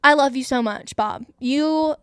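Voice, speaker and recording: A woman's voice: high voice, measured pace, dry recording, clean studio sound. A woman hosting her own show, giving a casual, gushing movie review in a chatty way, full of fillers. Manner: gushing, enthusiastic fan talk. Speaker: host.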